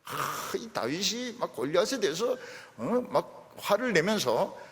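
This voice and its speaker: A middle-aged male pastor preaching an animated sermon, repeating phrases for emphasis. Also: high voice, measured pace, big-room sound.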